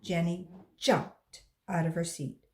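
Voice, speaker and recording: A woman volunteering as a reader from West Virginia reads a children's book aloud, her lowish voice slow and expressive like a storyteller's.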